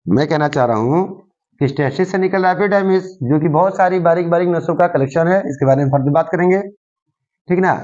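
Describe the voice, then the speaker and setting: High-voiced male teacher on dull audio. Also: a little fast, a little mellow. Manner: repeats key terms and quizzes the viewer with "what is it called?". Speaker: science teacher. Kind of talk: explaining a diagram in a class lesson.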